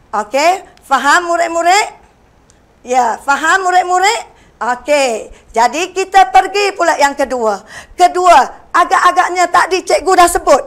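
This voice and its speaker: High-voiced Malaysian woman teaching children. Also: a bit bright. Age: older. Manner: asks pupils questions and answers them herself, saying "okey" often; slows down and stresses key phrases for pupils to repeat. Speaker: primary school Malay language teacher. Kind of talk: online grammar lesson to young pupils.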